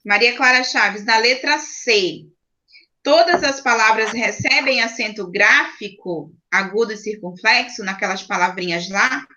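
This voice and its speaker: A Brazilian woman teaches a grammar lesson over a video call, her voice a little high and bright. She explains patiently, step by step, and often stops to check in with the children. The call audio sounds dull and lo-fi. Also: measured pace. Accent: Brazilian Portuguese. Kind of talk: online class teaching.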